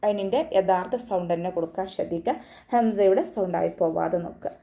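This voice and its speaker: A woman teaching an online Quran recitation class, patiently explaining each sound step by step and chanting sample verses slowly in between. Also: fairly low pitch, gravelly, dark tone. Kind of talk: online tajweed lesson.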